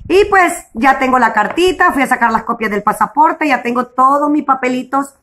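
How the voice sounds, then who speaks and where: A woman's voice: sits high, lively intonation, moderate pace, fairly bright tone. A young woman with a Honduran accent, chatting outdoors as a vlogger, retelling her day in a casual storytelling way with frequent religious exclamations. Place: outdoors in a breeze.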